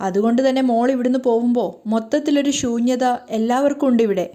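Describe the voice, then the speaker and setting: A woman's voice: fairly high pitch, quick pace, dark tone, lightly acted. A woman voicing a kindly, reassuring middle-aged father figure in a serial recap.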